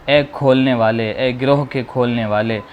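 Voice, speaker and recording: A man teaching how to read the Quran, slowly drawing out each letter sound and patiently explaining how to pronounce it. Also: mid-range voice, fairly even intonation, muffled recording, a little hiss or hum. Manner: slow, drawn-out modeling of sounds, explaining patiently. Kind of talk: spoken lesson on letter pronunciation.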